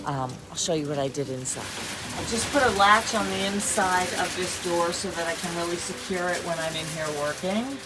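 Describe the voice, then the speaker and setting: A woman's voice: lowish voice, moderate pace, rough recording. A woman giving a casual, folksy homestead vlog, with rain on a tin roof around her. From Canada. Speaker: homestead vlogger. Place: draughty chicken coop in a storm. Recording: music behind the voice.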